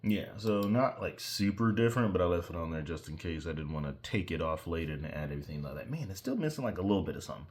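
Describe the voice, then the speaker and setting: Guy with a really low voice chatting loosely over a screen share about his mix, keeps going off on tangents, kinda self-deprecating. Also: expressive, quick pace, few pauses. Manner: rambling, self-deprecating, digresses. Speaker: musician walking through his own mix. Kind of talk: casual screen-share tutorial.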